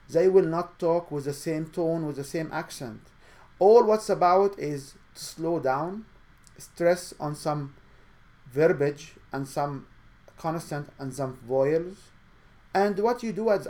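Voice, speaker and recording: Speaking in a slightly high, somewhat mellow voice, a show host and speaking coach gives an earnest motivational talk. His English carries a noticeable accent and some non-native grammar.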